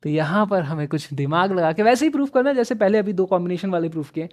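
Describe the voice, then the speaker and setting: A man's voice: high voice, expressive, fast talker, darkish tone. A young man teaching a math class online, chatty and encouraging, switching freely between Hindi and English. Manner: chatty, mixes Hindi and English, addresses students as friends.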